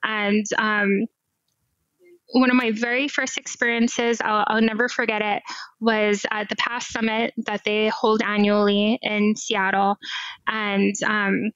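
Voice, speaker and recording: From a home room with window blinds, a middle-aged Hawaiian woman who is a cloud AI expert guests on a video-call interview. She talks slowly and thoughtfully in a medium-pitched, level, fairly bright and clean voice, making small restarts through her headset mic. The audio has no echo but is lo-fi and slightly dull, typical of a call.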